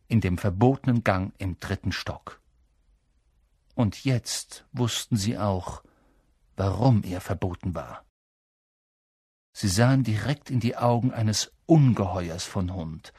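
A man's voice: medium pitch, darkish tone, breathy edge, no echo, clean studio sound. A man reading a storybook aloud with dramatic, vivid narration. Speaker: audiobook narrator. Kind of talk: scripted narration.

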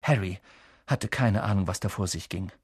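A man reading an audiobook with steady storytelling narration and dramatic lifts. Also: sits low, normal speed, slightly rough, dry recording, studio quality. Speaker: audiobook reader. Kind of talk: scripted narration.

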